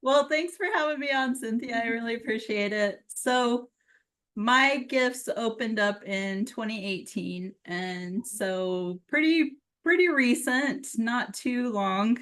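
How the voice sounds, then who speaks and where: A woman from Utah talking as a guest in a podcast interview, relaxed, with lots of "um" and "you know" and frequent laughs. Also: a little high, slow. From Utah, USA. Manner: relaxed, laughing, filler-heavy. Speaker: guest, psychic medium. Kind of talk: casual interview chat.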